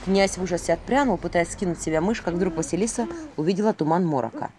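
A woman narrating a fairy tale as an audiobook reader, with an expressive reading. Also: lowish voice, quick pace, slight background noise.

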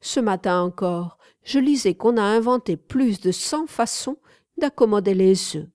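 A woman voicing an eager, excitable male astronomer in an audiobook reading. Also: mid-range voice, unhurried, no room sound, clean studio sound, natural voice. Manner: exclaiming, eager.

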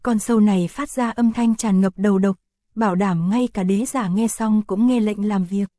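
A woman reading a fantasy novel aloud as an audiobook narrator, in a steady, even storytelling style. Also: medium pitch, moderate pace, no room sound, studio quality. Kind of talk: scripted narration.

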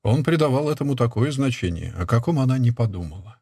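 Male literary narrator, husky, mid pitch, steady and measured. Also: no echo, clean studio sound.

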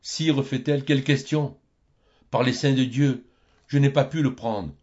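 A distressed old peasant woman who has lost her rooster pleads and exclaims in a raised, strained voice, as a man puts her on. Her voice rises well above the reader's deep tone. It comes through a dull, lo-fi storybook recording. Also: steady tone, a little slow, a little mellow, close to an everyday voice. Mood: lamenting.

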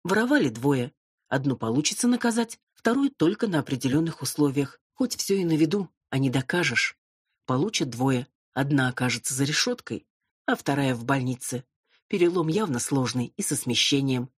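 Woman, audiobook narration, low voice, husky, wry even telling, dry close mic. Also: normal speed, no echo. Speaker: audiobook reader.

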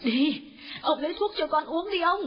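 A man voicing an anxious elderly mother who pleads with her husband in a high, tearful tone. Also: expressive, moderate pace. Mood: pleading. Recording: dull lo-fi audio with faint music.

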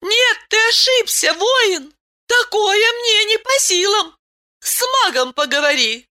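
Woman voicing a cooing magical wife, very high. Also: lively intonation, slow, exaggerated voice. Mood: playful. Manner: soft cooing, playful. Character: tender, teasing otherworldly young wife. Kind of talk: audiobook character reading.

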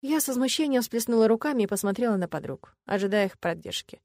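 A woman's voice: fairly high pitch, lively intonation, fast, a little mellow, no echo. A woman narrating a first-person fantasy audiobook on a close studio mic.

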